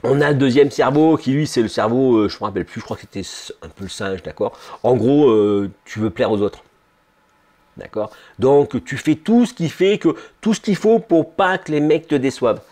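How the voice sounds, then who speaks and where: A man giving an informal motivational talk about his ice cream business, full of slang and constant "d'accord?" check-ins, acting out inner voices in low murmurs. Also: moderate pace, a little mellow. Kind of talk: casual motivational talk to camera.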